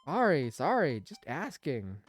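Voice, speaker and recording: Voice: medium pitch, wildly swooping pitch, a little slow, no room sound, faint music behind. A streamer playing a dating game, reading the dad's lines and making chatty, rambling asides. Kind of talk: let's play commentary and reading.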